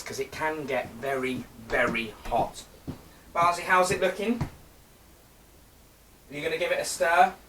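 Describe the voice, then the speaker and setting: A man's voice: high-pitched, sharp tone, roomy sound, far from the mic, slight background noise. A man presenting a live cooking demonstration for children. He chats playfully, talks straight to the boys and girls watching, and teases a companion on stage. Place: theatre stage.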